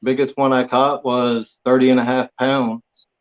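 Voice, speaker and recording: A man's voice: medium pitch, flat delivery, measured pace. A man from Hawaii, a guest on a chat show, talking in a laid-back, plain-spoken way with short answers. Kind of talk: casual interview chat. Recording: dull lo-fi audio.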